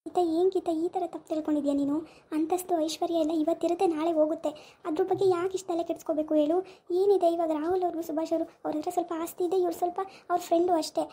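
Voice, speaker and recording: A woman playing a hurt, pleading gentle woman. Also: very high-pitched, fairly even intonation, racing. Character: gentle, wronged former servant woman. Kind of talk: amateur village drama acting.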